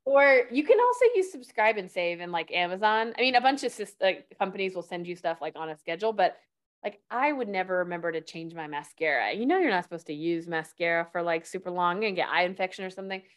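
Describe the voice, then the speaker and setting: A woman's voice: lowish voice, animated, fast talker. A woman guest on a podcast, talking casually with lots of filler words as she shares life tips. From California. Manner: chatty, loose, heavy on "like" fillers. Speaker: guest, life-hacks coach.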